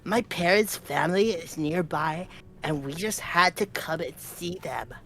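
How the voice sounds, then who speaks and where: A streamer rants in the voice of a grumpy, nerdy, snobbish boy with a lisp, whining and griping in a snotty, nasal tone while voicing a character in a story game. The voice is mid-range and slightly bright, with a measured pace and a little hiss or hum in the background.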